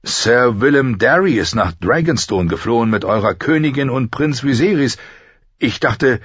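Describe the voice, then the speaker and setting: A man reading aloud voices a stern, proud male knight, speaking gravely and without yielding. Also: mid-range voice, lively intonation, normal speed, a bit bright, no room sound, muffled recording, pitched above the performer's own voice.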